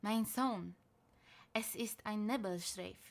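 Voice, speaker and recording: A woman voicing a calm father who reassures his son in a gentle, lowered tone. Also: slow, creaky. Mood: soothing.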